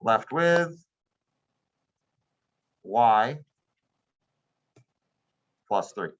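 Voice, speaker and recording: This male math teacher gives a classroom lecture in a medium-pitched, animated voice, drawing out his words. He goes step by step, patient and plain, checking in with students often. The audio is slightly dull and lo-fi.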